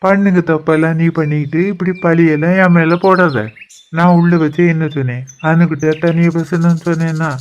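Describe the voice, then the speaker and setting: A man's voice: fairly high pitch, steady tone, fairly quick, smooth, dull audio, natural voice. A man voicing an accusing young cartoon man. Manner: accusing, quarrelsome. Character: angry young man scolding girls. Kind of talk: cartoon voice acting.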